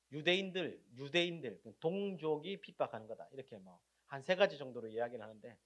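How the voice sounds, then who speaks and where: A male pastor preaching a sermon, putting questions to the congregation and answering them himself, and swinging from loud emphatic lines to very quiet endings. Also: on the high side.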